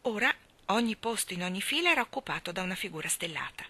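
Expressive woman reading a storybook. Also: medium pitch, fast, slightly rough. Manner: expressive, shifting between voices. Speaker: audiobook reader.

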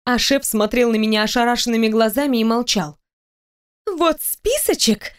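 Wry woman narrating an audiobook, slightly high. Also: fairly even intonation, quick pace, clean tone. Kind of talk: first-person scripted narration.

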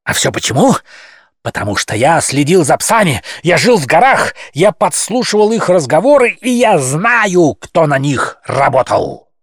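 A man's voice: fairly high pitch, sing-song, a little slow, no room sound, clean studio sound, voice pushed up, exaggerated voice. A man doing a ranting demagogue cat. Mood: conspiratorial. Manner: shouting, accusing, short sharp phrases. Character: fiery demagogue male cat orator. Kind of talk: audiobook character voice.

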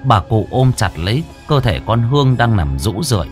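A man's voice: medium pitch, sing-song, normal speed. A man narrating a ghost story in a dramatic, scripted style. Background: faint music.

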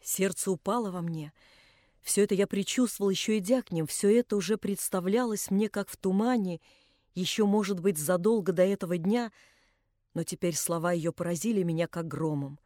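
A woman reading a literary novel aloud as an audiobook narrator, in a measured, expressive way. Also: medium pitch, no echo, clean studio sound.

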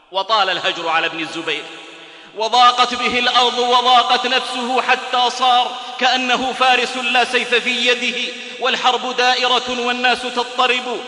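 A man's voice: very high voice, sharp tone. A man preaching a sermon, telling a story and reciting verse in rhythmic lines. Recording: echoey hall recording.

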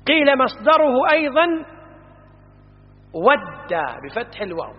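Man, grammar teacher, high voice, explanatory quizzing manner, muffled lo-fi recording, hall reverb. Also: sing-song, a little slow. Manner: explanatory, quizzing students, stresses vowel patterns. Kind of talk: classroom lecture on classical grammar. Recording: dull lo-fi audio with long hall reverb.

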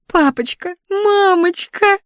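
A woman voicing a spoiled, whiny young noble girl with a shrill, squealing voice in an audiobook reading. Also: expressive, moderate pace, dry recording, studio quality, natural voice. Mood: wailing.

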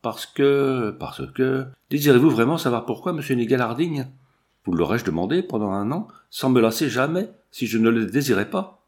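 A proud young English lady with a sharp tongue speaks in a cool, ironic, measured way, as a man reads her part. This is a storybook reading with a mid-pitched voice. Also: expressive, natural voice.

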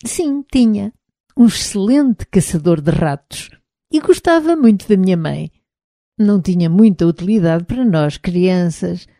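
A woman with a European Portuguese accent voicing a calm, affectionate Scottish husband in an audiobook, speaking softly and unhurriedly. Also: medium pitch, unhurried, no room sound, studio quality. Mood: fond.

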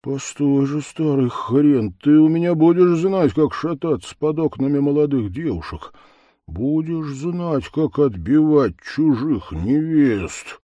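Bold, mocking young village lad, loud and lively, played by a male reader; dry storybook sound. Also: medium pitch, takes it slowly, no room sound, dull audio, voice pushed up. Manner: mocking, loud rallying calls.

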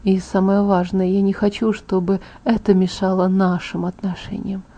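Edward, a hushed gentle vampire, as a woman reads him. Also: level tone, normal speed, lightly acted. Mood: calm. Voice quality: soft, hushed. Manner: low murmur, gentle and restrained. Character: calm protective young male vampire. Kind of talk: audiobook character voice. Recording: dull lo-fi audiobook MP3.

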